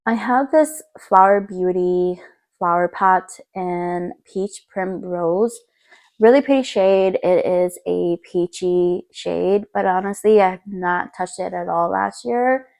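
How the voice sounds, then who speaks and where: Gravelly-voiced chatty beauty vlogger woman. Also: lowish voice, slow pace, darkish tone. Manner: chatty and upbeat, with fillers. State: morning voice. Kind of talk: casual makeup declutter vlog. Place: home room by a window in morning light.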